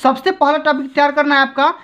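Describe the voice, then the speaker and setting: Fast and sharp-toned, with little pitch movement, this high-voiced exam-prep teacher coaxes students through a tutorial, constantly tossing in check-in tags. The scene is an indoor desk viewed from above, captured on a dull, muffled lo-fi phone.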